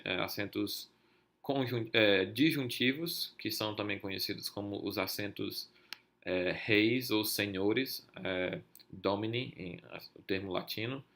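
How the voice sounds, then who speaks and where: A man's voice: on the low side, a bit bright. A man teaching a lesson for a podcast, explaining step by step with many filler sounds and checking "certo?" with listeners, in Brazilian Portuguese. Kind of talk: explaining Hebrew accents over a text.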